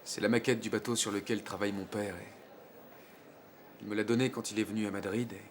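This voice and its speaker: A man's voice: fairly low pitch, steady tone, brisk, slight background noise, lightly acted. An actor playing a subdued, earnest young man saying goodbye to his roommate in a dubbed TV drama.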